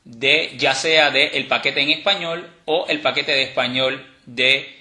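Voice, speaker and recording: Male instructor, relaxed and explanatory, very bright tone, roomy echo. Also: mid-range voice, unhurried. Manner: relaxed, explanatory, with frequent fillers and restarts. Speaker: instructor demonstrating a screen reader. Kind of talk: step-by-step tutorial podcast.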